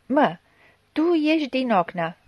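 A gruff convict fortune-teller grumbles his grim foretelling, as a woman reads him. His answers are curt and blunt. The voice is close and dry. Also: high-pitched, big pitch swings, dry recording, dull audio, voice pushed up. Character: gruff fortune-telling healer man, a convict.

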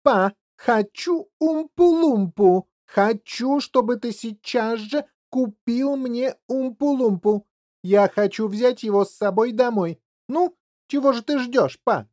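Field: story. Figure: a man voicing a shrill spoiled little girl. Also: animated, slow pace, warm tone, heavily acted. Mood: bratty demanding. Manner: shrill whining and screeching. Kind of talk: audiobook reading with character voices.

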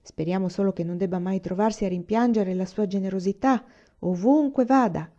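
A woman voicing a proper, careful pioneer mother in a storybook reading, polite and measured. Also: mid-range voice, dark tone, dull audio, natural voice. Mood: gentle.

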